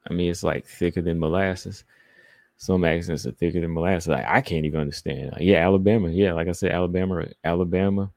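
A deep-voiced man with a Southeastern American accent talks loosely on a casual livestream, reading chat comments and rambling between them. His voice sits very low, and the recording is dry and close, with no room sound. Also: steady tone, fast, a little mellow, no echo. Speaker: podcast host reading live chat.

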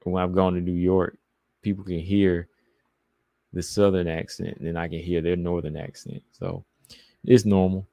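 Deep-voiced Southern man chatting casually. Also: level tone, moderate pace, dark tone, no echo. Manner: loose and rambling, reads chat comments aloud. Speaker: podcast host reading live chat. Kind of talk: casual livestream chat.

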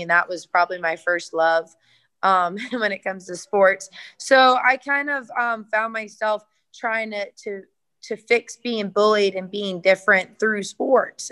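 An American woman, a young adult fighter, answers interview questions with real earnestness, her speech full of fillers and restarts. Her voice sits at a medium pitch with a fairly bright tone.

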